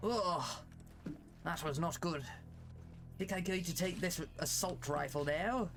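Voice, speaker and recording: A man's voice: fairly high pitch, slow pace, music in the background, pitched above the performer's own voice. A man voicing a hammy posh British soldier with exaggerated upper-class bluster. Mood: fussy.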